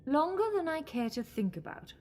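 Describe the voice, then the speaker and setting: Her high voice is very animated as she plays a scheming, imperious false goddess in an audio drama. She is commanding and condescending, silky in her plotting, and drawls out slow, patronizing endearments.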